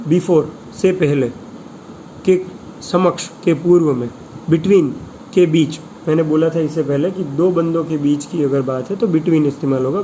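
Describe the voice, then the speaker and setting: A man teaching an English vocabulary list, reading each word and its Hindi meanings slowly and spelling some out letter by letter. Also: a little high, dark tone, slight background noise, low-quality recording. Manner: slow, deliberate, spells words letter by letter.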